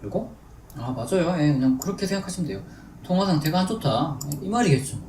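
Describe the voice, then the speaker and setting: A man teaching business English in a chatty lecture, drilling English phrases slowly and deliberately. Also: fairly high pitch, lively intonation, a little mellow. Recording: echoey room, distant mic, faint noise.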